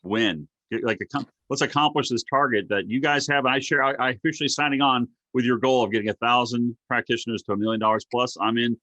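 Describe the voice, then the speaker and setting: A middle-aged man hosts a relaxed interview at a brisk clip. His pitch sits in a normal middle range. He keeps breaking off and restarting his sentences, piling on words with eager energy. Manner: rapid and animated, with frequent restarts and repeats. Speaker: host, marketing consultant. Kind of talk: casual interview chat.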